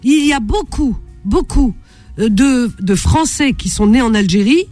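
A woman hosting a late-night radio phone-in show, chatting with callers, interjecting often and speaking warmly to them. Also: a little high, expressive, unhurried, no room sound, faint music behind. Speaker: radio host.

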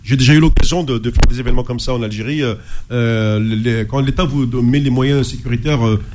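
A man hosting a live radio sports show from a studio, talking in a relaxed, halting way with many fillers. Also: mid-range voice.

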